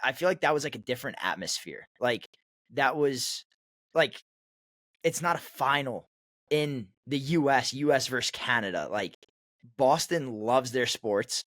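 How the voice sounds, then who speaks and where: A man's voice: mid-range voice, animated, measured pace, a bit bright, no echo, studio quality. A young man co-hosting a hockey podcast, telling stories in a rambling, casual way full of fillers. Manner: rambling, filler-heavy storytelling. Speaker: podcast co-host. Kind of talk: casual chat.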